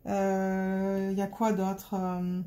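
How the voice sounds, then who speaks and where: Chatting to camera on her phone, a woman from Marseille, France, who vlogs about diamond painting rambles and gropes for words in her Marseille French accent. She speaks slowly at medium pitch, completely flat and mellow.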